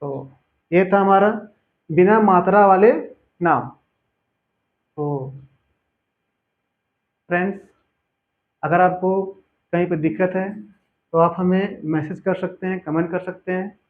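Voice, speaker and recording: A man teaching a spelling lesson, patiently repeating each word slowly for his students. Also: sits high, fairly even intonation. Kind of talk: spelling lesson over a board. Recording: tinny phone-like audio.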